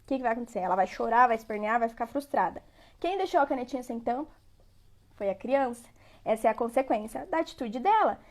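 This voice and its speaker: A woman's voice: a little high, expressive, fast. A woman giving a parenting lecture, conversational and repetitive, often checking in with her listeners. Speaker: parenting educator.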